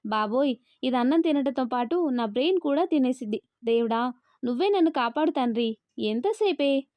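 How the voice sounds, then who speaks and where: A woman narrating a love story and reading every character's lines in one steady, quick delivery. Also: sits high, no echo. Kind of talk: scripted narration of a love story, all parts read by one voice.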